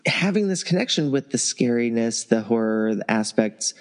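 A man's voice: medium pitch, animated, moderate pace. A man co-hosting a podcast in casual chat, with a campy, effusive and playful manner. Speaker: podcast co-host.

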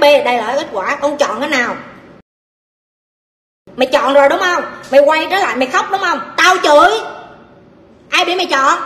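A woman with a Southern Vietnamese accent answering audience questions in a live Q&A, blunt, forceful and scolding. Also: high-pitched, slight background noise. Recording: echoey hall, faint ambience.

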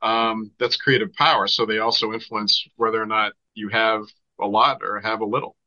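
A man with a Boston accent chats eagerly as a podcast guest, his low voice carrying a bright, forceful edge. He often restarts his sentences and keeps the talk moving. The audio is a little dull and lo-fi. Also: steady tone, normal speed. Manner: enthusiastic, chatty, restarts often. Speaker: podcast guest, Reiki healer. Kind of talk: casual conversation.

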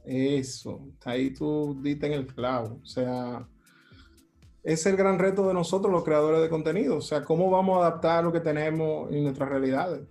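Dominican man with a higher voice. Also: steady tone, normal speed, creaky, darkish tone, faint music behind. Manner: slangy, emphatic, repeats points. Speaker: content creator. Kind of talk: casual explanatory chat.

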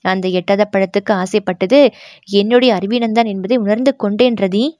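A proud young dancer speaks with sharp resentment, close to tears, as a woman reading the story gives her voice. The sound is close and dry, with no room around it. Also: medium pitch, steady tone, normal speed, no room sound, natural voice. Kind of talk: audiobook narration of a historical novel.

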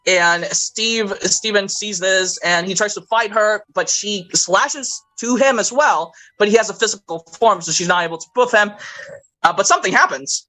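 Male podcast host, brilliant tone, animated casual recap with put-on character quotes. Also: sits high, moderate pace, low-quality recording. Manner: animated, acts out characters' lines in quoted voices; frequent fillers and laughter. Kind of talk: casual chat recapping a cartoon movie.

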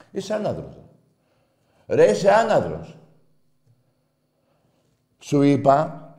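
A man co-hosting a comedy show, arguing loudly and ranting at length in heated football banter. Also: mid-range voice. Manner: loud, argumentative, rants at length. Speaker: co-host of a comedy radio show.

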